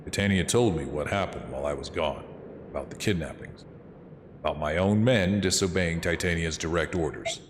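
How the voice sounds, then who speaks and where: A man voicing a stern older mercenary commander and father who gives grave, measured orders. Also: low-pitched, big-room sound, slight background noise, voice pushed down, close to an everyday voice.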